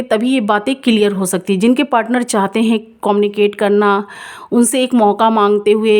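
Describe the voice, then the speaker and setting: A woman doing a casual, reassuring tarot reading for viewers, repeating herself and mixing in English words. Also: a little high. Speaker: tarot card reader.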